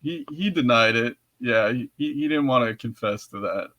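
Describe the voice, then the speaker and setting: Podcast co-host, man, easy anecdote teller, laughs a lot, middling pitch, close dry mic. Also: moderate pace, fairly bright tone, dry recording. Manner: laughs often, many restarts. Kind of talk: casual storytelling chat.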